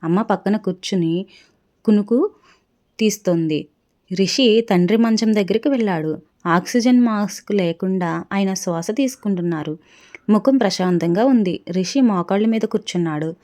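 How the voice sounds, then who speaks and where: A woman with a warm, mid-range voice reads a family story aloud at a moderate pace. She tells it with real emotion and speaks the characters' lines herself.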